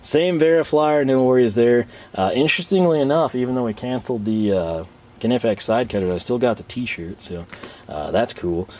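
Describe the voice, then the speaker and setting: Here the same kind of host, a man running a tool review channel, sounds mellow and animated at a normal pace and medium pitch. He rambles through an unscripted, chatty product review, poking fun at himself now and then. His weary voice is beginning to fail him.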